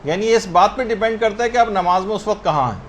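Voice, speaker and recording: A man teaching a religious lesson on the rules of prayer, explaining points step by step and slowly spelling out correct pronunciations. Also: sits high, lively intonation, a little hiss or hum.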